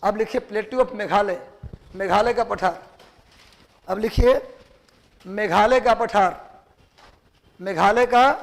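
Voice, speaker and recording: A man with a Bihari Hindi accent delivers a classroom lecture in a notably high voice. He quizzes his students constantly and repeats each answer for dictation. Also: creaky. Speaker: teacher.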